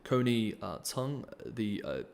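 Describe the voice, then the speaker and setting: Reading donor comments during a casual livestream Q&A, the New Zealand host stumbles through plenty of ums and restarts. He's very animated yet takes it slowly, his fairly low voice gravelly. Slight background noise sits underneath.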